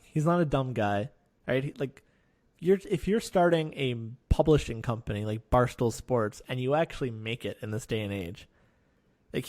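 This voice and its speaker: A man's voice: medium pitch, a little mellow. A man hosting a podcast, chatting casually and animatedly, swearing freely and acting out people he quotes. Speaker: podcast host.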